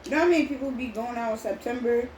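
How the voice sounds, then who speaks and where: A woman chats casually over a meal and is quick to argue her side. Her voice is warm and mellow, with an even middle pitch. The room gives it a clear echo, with faint ambience underneath. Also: distant mic, a little hiss or hum. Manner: casual, quick to push back. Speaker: mukbang co-host. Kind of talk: casual chat while eating.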